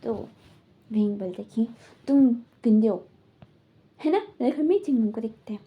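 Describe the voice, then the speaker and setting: A woman's voice: fairly high pitch, animated, quick pace, husky, highs cut off. A woman casually retelling a fan-fiction story in a chatty way, acting out the dialogue.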